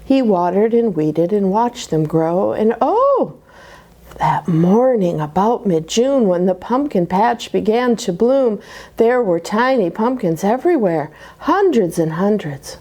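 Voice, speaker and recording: Reading aloud from a rhyming children's book during a church story hour, a woman speaks slowly at medium pitch. She's lively and expressive, slipping into hushed, dramatic whispers at key moments.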